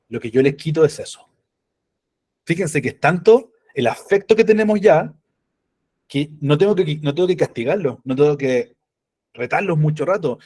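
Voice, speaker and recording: A man's voice: a little high, a little mellow. Man, middle-aged, parenting talk, keeps checking in with the audience, slightly raised voice. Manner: conversational, often asks "¿ya?" to check in with the audience; tells personal stories with playful humor.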